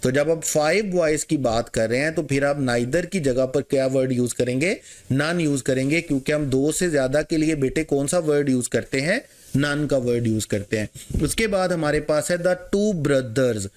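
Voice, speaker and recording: A man's voice: fairly high pitch, a little mellow. Male tutor, slightly raised voice, quizzes the class then answers himself. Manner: asks the class rhetorical questions and answers them himself; mixes English terms into Urdu. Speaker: teacher. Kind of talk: exam-prep lecture.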